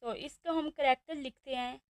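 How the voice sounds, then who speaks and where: A woman teacher with a Pakistani Urdu accent leads a beginner lesson in a high voice. She says each word slowly and repeats it several times. The sound is dry and close, with no room echo. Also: steady tone. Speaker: Chinese language teacher.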